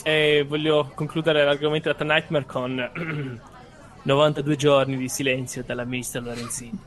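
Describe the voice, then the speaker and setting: Male co-host, slightly high voice, informal explainer with loose asides. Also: level tone, moderate pace, a bit bright, some chatter behind. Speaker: podcast co-host. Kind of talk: casual chat.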